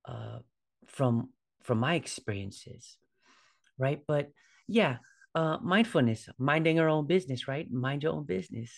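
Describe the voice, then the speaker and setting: A podcast host and fitness trainer in his forties talks casually on his solo show in a fairly high, creaky voice. He stays informal and conversational, frequently checking in with a "right?".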